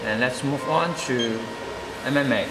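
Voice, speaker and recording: A man explaining the settings of a welding machine in a measured, step-by-step voice-over, stressing key words. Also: mid-range voice, reverberant, in a large hall, very noisy. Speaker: product demonstrator. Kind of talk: product demonstration voice-over.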